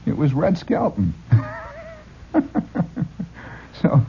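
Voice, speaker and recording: A male radio host tells a meandering story, laughing and restarting as he goes. His voice is slightly high and swings widely in pitch. The old recording is dull, with a faint hiss underneath. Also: very slow, creaky, soft background music. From Illinois. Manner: animated, laughing, full of restarts. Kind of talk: rambling storytelling.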